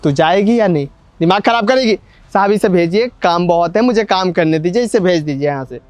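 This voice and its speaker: A man's voice: sits high, a little fast, a little mellow, no echo, soft background music, close to an everyday voice. A man playing an irritable, overworked young husband who snaps curtly at his wife. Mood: exasperated. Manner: curt, exasperated. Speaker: actor in a comedy skit.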